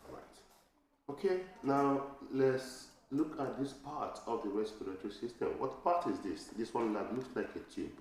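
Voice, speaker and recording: A man's voice: mid-range voice, normal speed, a little mellow. A man as a teacher giving an oral speaking test, asking patient questions and giving short praise. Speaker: English teacher and examiner. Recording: very echoey room with faint noise.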